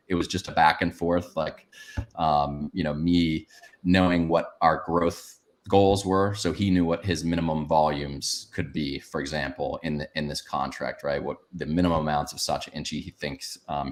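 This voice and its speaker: A man with an extremely deep, low voice speaking on a business panel. He rambles, restarts his sentences and fills gaps with "um" as he explains. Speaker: panelist, company founder. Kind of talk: panel discussion answer.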